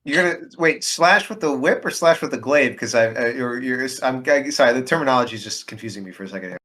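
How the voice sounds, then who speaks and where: A man of middle pitch runs a tabletop game as game master. He narrates haltingly, restarting sentences and filling gaps with ums. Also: a bit bright.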